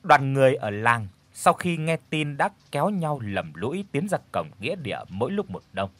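A man reading a horror story aloud as an audiobook narrator, dramatic, with tense pauses. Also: mid-range voice, very animated, a bit bright, no echo.

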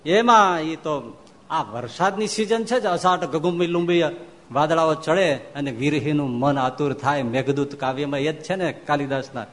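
Man, monk, devotional story sermon, animated, slightly high voice, long hall reverb. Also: moderate pace. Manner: animated storyteller, acts out quoted speech.

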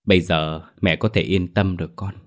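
A man voicing a gentle, sorrowful older foster mother in a spoken storybook. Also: low-pitched, fairly even intonation, normal speed, lightly acted. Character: older woman, grieving devoted foster mother.

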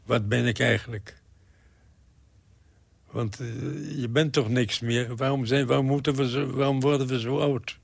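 A man in his nineties giving an interview, halting and repeating words as he searches for them. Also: medium pitch, steady tone, gravelly, breathy edge, no echo. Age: 90s.

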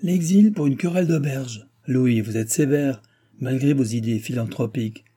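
Exasperated old king, read by a man, dark husky voice, storybook. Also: medium pitch, normal speed, close to an everyday voice. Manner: exclaiming, exasperated. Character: aging king, evasive and irritable. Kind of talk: audiobook reading.

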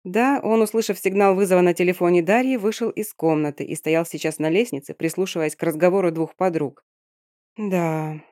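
A woman narrating an audiobook in an even, measured way. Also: on the low side, no room sound, clean studio sound.

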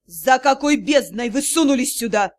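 A woman reading an audiobook, voicing a furious male dark-lord magister in a hoarse, menacing voice. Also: on the low side, moderate pace, no echo, pitched below the performer's own voice, natural voice. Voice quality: hoarse, growling. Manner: threatening, icy, commanding. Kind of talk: audiobook character voice.

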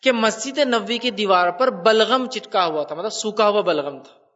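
High-voiced man giving an animated religious lecture. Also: far from the mic, lo-fi sound. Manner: animated, repeats points, asks listeners rhetorical questions. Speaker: Islamic lecturer.

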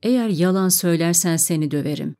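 Lady reading as a strict angry dad, low-ish voice, barking orders, storybook. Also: fast, mellow, natural voice. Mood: stern. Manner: harsh, commanding. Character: stern strict father, quick to anger.

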